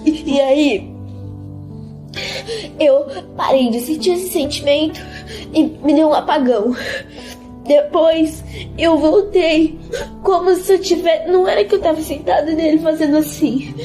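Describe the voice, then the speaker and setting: A high-voiced woman tells of a religious experience in a halting, repetitive way, her voice often close to tears. Her tone is dark and mellow despite the high pitch, and faint music plays behind her. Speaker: interviewee giving a religious testimony. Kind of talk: emotional spoken testimony.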